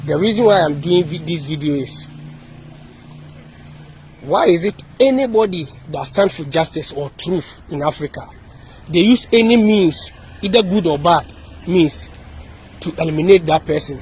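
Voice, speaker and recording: A man's voice: a little high, lively intonation, moderate pace, long pauses, a little mellow, slight background noise, low-quality recording. A man from Ghana with a Ghanaian accent delivering an impassioned video message, repeating his points and often restarting his sentences. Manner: repetitive, emphatic, with many restarts. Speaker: activist speaking to camera.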